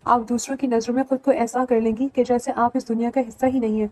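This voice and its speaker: A woman's voice: fairly high pitch, flat delivery, dark tone, dry recording, lightly acted, poor audio. A woman reading as a caring, stubborn young wife. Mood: pleading.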